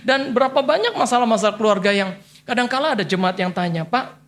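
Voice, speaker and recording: A man's voice: sits high, animated, fast, fairly bright tone. A male pastor preaching a humorous sermon, telling jokey stories and acting out the voices of the people he quotes. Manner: joking storyteller, acts out voices in quotes. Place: church.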